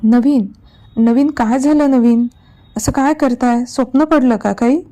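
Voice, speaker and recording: A woman's voice: mid-range voice, moderate pace, warm tone, breathy edge, pitched above the performer's own voice, close to an everyday voice. A woman voicing a worried young wife asking urgent questions in a spoken horror story.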